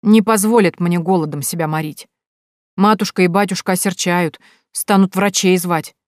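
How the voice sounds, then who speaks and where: A woman's voice: on the low side, steady tone, normal speed, no echo, studio quality, lightly acted. A woman reading aloud, voicing a big, stubborn young peasant woman who wails and snaps in old-fashioned folksy speech. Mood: plaintive.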